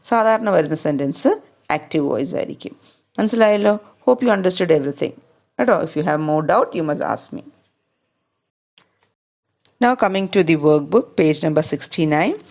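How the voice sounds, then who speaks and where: A woman's voice: low-pitched, vocal fry, darkish tone. A woman teacher with a Malayali English accent patiently explaining grammar exercises to pupils, reading example sentences aloud and explaining them.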